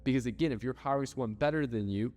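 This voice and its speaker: A man's voice: mid-range voice, fast talker, darkish tone. A man giving casual business advice, blunt and loose, with lots of filler words and the odd swear. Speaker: ad agency owner. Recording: hall reverb with faint music.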